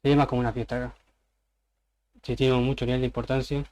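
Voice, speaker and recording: A man's voice: medium pitch, little pitch movement, fast talker, a little mellow. A man with an Argentine accent giving an informal presentation, casually explaining slang word by word with examples. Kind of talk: informal presentation on a voice chat server.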